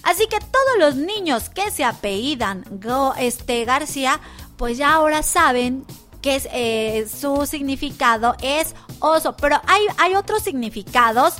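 Bright, high-voiced woman host. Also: animated, a little slow, soft background music. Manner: chatty, with many fillers and restarts. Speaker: children's radio host. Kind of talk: casual live radio chat for children.

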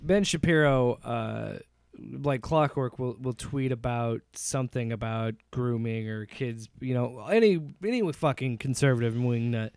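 A man's voice: mid-range voice, a little slow, vocal fry, darkish tone, smooth, no echo, studio quality. A man co-hosting a podcast, arguing with emphatic profanity and stumbling restarts. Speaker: podcast co-host. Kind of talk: heated casual chat.

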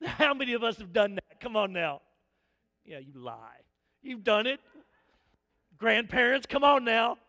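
A man preaching a sermon as pastor, animated, often acting out little dialogues. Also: very high voice, measured pace, pauses often, in a large hall, dull audio.

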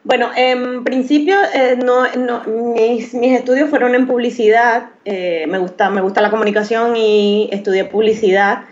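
A Venezuelan makeup artist in her thirties with a Maracaibo accent answers interview questions as a guest. Her voice is on the high side and steady, at a normal speed with hardly any pauses, yet she sounds hesitant and restarts often. The sound is slightly dull and lo-fi.

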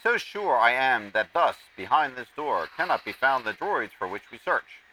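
A man's voice: medium pitch, very animated, normal speed, sharp tone, recorded from a distance, slight background noise, low-quality recording. A man reading a dim-witted armored soldier in an amateur Shakespearean table read, reasoning earnestly in verse.

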